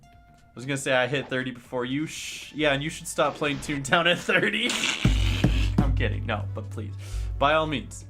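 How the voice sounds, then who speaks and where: A man's voice: mid-range voice, expressive, normal speed. A man in his late twenties talks casually while streaming a game, answering chat. He goes off on sarcastic rants, then cracks jokes. Faint music plays underneath. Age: late 20s.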